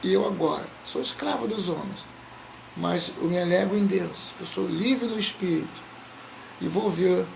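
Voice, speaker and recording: Preacher doing a poor old devout woman, hushed and gravelly. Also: high voice, moderate pace, slight background noise, voice pushed down. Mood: humble, quiet.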